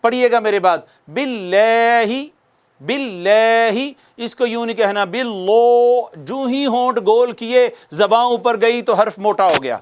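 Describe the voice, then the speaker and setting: A man with a high-pitched voice and a Pakistani Urdu accent teaches Quran recitation on television. He explains each point patiently and repeats it. He stretches the example phrases out slowly so viewers can copy them. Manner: slow drawn-out model recitation of Arabic phrases. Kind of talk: televised tajweed lesson.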